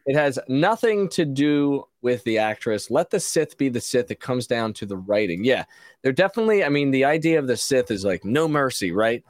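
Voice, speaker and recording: Host, male, mid-pitched, opinionated rambler, dry close sound. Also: sing-song, moderate pace, dry recording. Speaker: podcast host. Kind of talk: casual show review chat.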